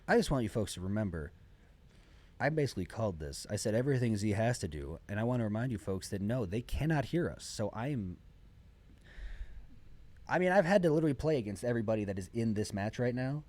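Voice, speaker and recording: A man's voice: lowish voice, big pitch swings, brisk, a little mellow. A man commentating live on a video game match in an esports caster style, talking at length through the plays. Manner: esports caster delivery, talkative, exclaims over plays. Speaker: esports commentator, also a player. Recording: music behind the voice.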